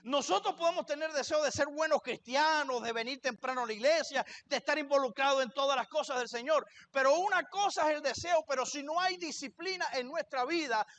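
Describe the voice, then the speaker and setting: Male pastor, very high voice, preaching a sermon in church, asks questions and answers them himself. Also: fairly bright tone, slight background noise.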